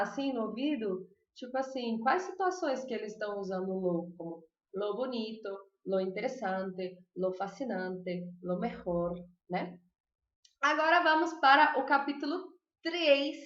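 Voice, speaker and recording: A woman teacher with a bright, fairly high voice that has a forceful edge. She talks to her class in a chatty way, asks them questions, and drills word lists slowly. The sound is echoey and a little dull, like a lo-fi recording. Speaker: Spanish teacher. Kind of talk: online class lesson.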